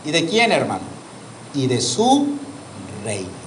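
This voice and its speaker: Mexican pastor preaching; high-pitched male voice, faint hiss, church reverb. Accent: Mexican Spanish. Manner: preaching with drawn-out emphasis and rhetorical questions to the congregation. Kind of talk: sermon. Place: church hall. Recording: echoey church hall with faint noise.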